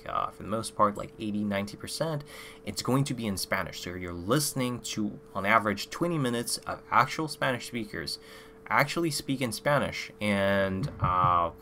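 A young man with a bright voice on the low side, whose first language is French, gives a casual review to camera as a language-learning YouTuber. He speaks loosely with plenty of "like" and "you know," recorded in a small indoor room with slight background noise.

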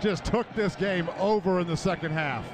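A man's voice: high-pitched, normal speed. A man working as a color commentator, giving live American football analysis on the radio. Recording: stadium radio broadcast, clear background noise.

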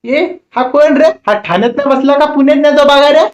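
A woman's voice: high-pitched, steady tone, brisk, dull audio, pitched above the performer's own voice, natural voice. A man voicing a blunt, nosy old grandmother in her seventies who scolds in a rustic way. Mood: quarrelsome. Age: 70s. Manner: sharp-tongued, scolding, rustic. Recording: roomy echo.

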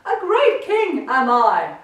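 A woman's voice: sits high, huge pitch swings, takes it slowly, fairly bright tone, heavily acted. A woman voicing a boastful male turtle king who bellows and gloats. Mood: gloating. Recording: echoey room from far off.

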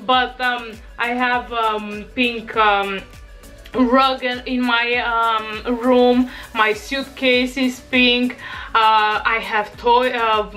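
A teenage Bulgarian vlogger with a Bulgarian accent chats to a camera in front of her in her small bedroom, bubbly and giggly with lots of fillers. Her voice is fairly high, pushed and bright.

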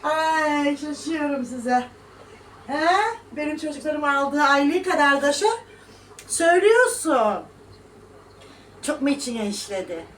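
A high-pitched woman in her thirties chats through a home cooking video and mocks her critics with laughs. Her voice sits a little away from the phone, in an echoey kitchen with faint room noise behind her. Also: expressive, takes it slowly, pauses often, fairly bright tone, recorded from a distance. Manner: chatty, scolding and mocking critics with laughs. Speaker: vlogger. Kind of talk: casual cooking vlog, talking to viewers.

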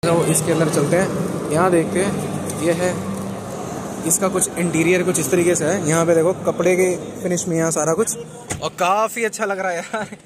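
A man's voice: sits high, steady tone, normal speed, heavy background noise. A man giving a casual, chatty walkaround of new cars at an auto show, talking straight to his viewers. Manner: chatty, informal, addresses viewers as brother. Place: busy indoor auto expo hall. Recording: loud crowd ambience behind the voice.

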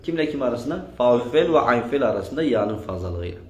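A man teaches a grammar class, quizzing his students over and over and repeating their answers back to them. His voice sits at a middle pitch. It rings in an echoey room. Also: big pitch swings, brisk, a little mellow. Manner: drills students with repeated questions. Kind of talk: classroom lesson with question and answer.

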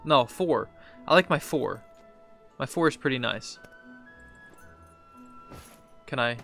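A man in his thirties provides casual let's play commentary full of slang, reacting and musing aloud from his computer in an indoor room while game music plays. His medium-pitched voice is expressive, gravelly, and fairly bright, and he takes things slowly.

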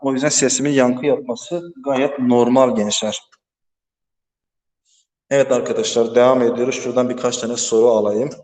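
Speaking in a mid-range, darkish voice with fairly level intonation and a moderate pace, a man gives a math lesson in a vast empty classroom. His patient, step-by-step explanations are punctuated by "right, friends?", and the hall throws back a strong echo.

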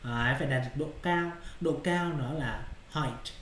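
A man's voice: mid-range voice, normal speed, fairly bright tone, reverberant, slight background noise. A male English teacher explaining exercise answers in Vietnamese, often checking whether students follow. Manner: repeats checking questions to students.

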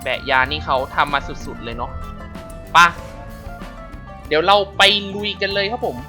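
A man giving casual racing game commentary, chatty and polite as he explains, then bursting into loud excited exclamations. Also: fairly high pitch, normal speed. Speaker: gameplay commentator. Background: racing game music.

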